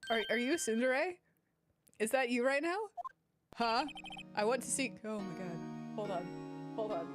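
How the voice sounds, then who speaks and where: A woman's voice: a little high, moderate pace. A woman streamer commenting casually on a video game, giddy, crude and self-mocking, with rambling restarts. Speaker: gaming streamer. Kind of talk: casual let's-play commentary. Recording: game music underneath.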